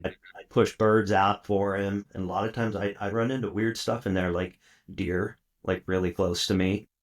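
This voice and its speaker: Low-voiced man telling rambling stories. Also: steady tone, normal speed. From South Texas. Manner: rambling with many fillers and restarts. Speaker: podcast guest. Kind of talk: casual storytelling interview.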